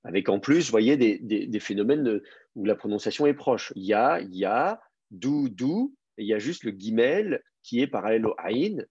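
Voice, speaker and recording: A male teacher with a slightly husky voice explains a grammar point patiently, slowing down to repeat each key word. The sound is dry and a little muffled, as if recorded at close range over a modest connection. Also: fairly low pitch, animated, darkish tone, dry recording. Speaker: Hebrew teacher. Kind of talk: online class explanation.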